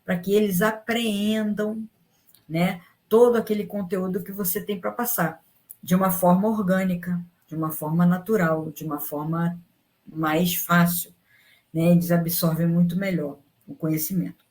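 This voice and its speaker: A woman's voice: fairly low pitch, fairly even intonation, moderate pace, a little mellow. Rambling woman teacher lecturing online. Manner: rambling, frequent fillers and restarts; checks in with the class after each point.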